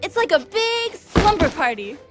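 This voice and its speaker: A woman voicing a breezy, teasing teenage older sister in an animated series, playful, casual and sassy. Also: very high-pitched, a little slow, exaggerated voice. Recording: background music behind dialogue.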